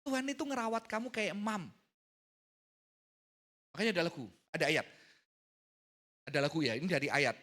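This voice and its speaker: Bright-voiced joking preacher man. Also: sits high, big pitch swings, brisk, long pauses. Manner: chatty, joking, mixes in English words. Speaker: youth service preacher. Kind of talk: casual sermon.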